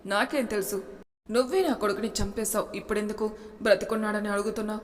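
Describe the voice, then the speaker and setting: A woman voicing a desperate young mother who pleads and accuses, in a storybook reading with a flat delivery and an echoing room. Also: mid-range voice, fast talker, natural voice. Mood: accusing. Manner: pleading, tearful. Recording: reverberant room with faint noise.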